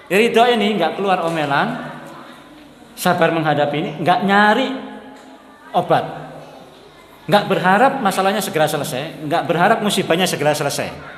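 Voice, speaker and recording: A man's voice: sits high, fairly bright tone. A man preaching at an evening mosque study session, talking casually and repeating key lines back to his listeners. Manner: conversational, repeats key phrases, asks the audience questions. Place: mosque hall. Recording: echoey hall with faint hum.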